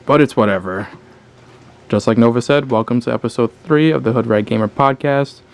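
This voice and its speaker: A man co-hosting a casual gaming podcast, talking in a low-key, dry and sarcastic way. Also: a little fast, creaky. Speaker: podcast co-host.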